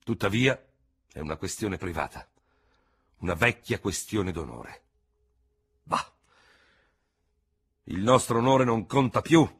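A man's voice: low-pitched, lively intonation, a little slow, pauses often, pushed and bright, breathy edge, full character voice. Man voicing a blustering old cavalry general. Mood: fiery, blustering. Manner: thundering, blustering outbursts. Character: old retired cavalry general, fiery and proud.

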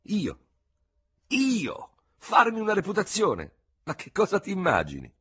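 An excitable young lieutenant, as a male reader puts him on, his voice jumping high and sharp with indignation. The reading has a husky grain, and the pitch swings widely from line to line. It sounds like a lively audiobook reading. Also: a little slow, exaggerated voice. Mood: indignant.

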